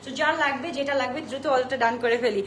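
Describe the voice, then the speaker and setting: Faint noise and echo fill the room as a young woman from Bangladesh runs a live-stream sales pitch for clothes. Her high, fairly bright voice moves very fast as she chats with viewers, mixes in English, and sings out a list of sizes.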